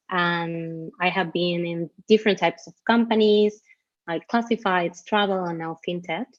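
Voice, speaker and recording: A woman's voice: on the low side, no echo, highs cut off. A woman from Argentina, giving a friendly, explanatory talk to an online meetup over a video call. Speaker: guest speaker, product manager.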